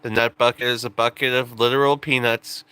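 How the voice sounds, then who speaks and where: A man in his late twenties chats casually on a live stream, rambling and joking and often breaking off to start over. His mid-range voice sounds flat yet brisk, pushed and bright, with a smooth quality. The recording has no echo but is low in quality.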